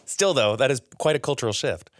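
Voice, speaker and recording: A man's voice: medium pitch, expressive, fairly quick. A man hosting a podcast interview, earnest and enthusiastic, often restarting his sentences. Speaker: podcast host.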